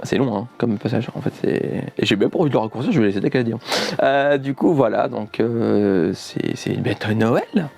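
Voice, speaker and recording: A man's voice: mid-range voice, normal speed, vocal fry, darkish tone. A man chatting casually while unboxing gifts on camera, rambling, joking and laughing often. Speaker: YouTuber unboxing a subscription box.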